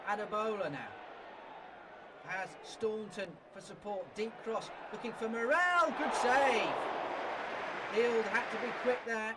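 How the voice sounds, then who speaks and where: A man commentating football match highlights, rising to excited shouts at the goals. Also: a little slow, recorded from a distance. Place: football stadium commentary position. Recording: broadcast with loud crowd noise. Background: loud stadium crowd.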